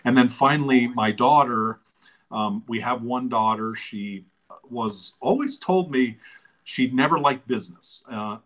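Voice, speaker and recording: A man in his sixties talking in a relaxed, thoughtful way as an interview guest, pausing often with fillers. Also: mid-range voice. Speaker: interview guest, business founder. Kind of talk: casual conversational interview.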